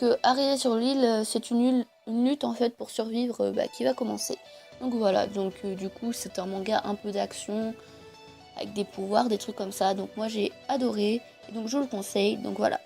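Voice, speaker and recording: Hesitant young woman with gravelly voice. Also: a little high, mellow. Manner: hesitant, many fillers. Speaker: manga reviewer. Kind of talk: casual video monologue. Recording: faint background music.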